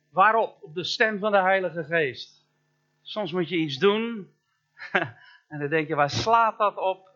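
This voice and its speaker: A man in the role of pastor delivers a sermon with a high, bright, forceful voice. He keeps it chatty, asks the listeners questions and leans hard on key words. The recording sounds a little dull and lo-fi. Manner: emphatic preaching, slows down for key words.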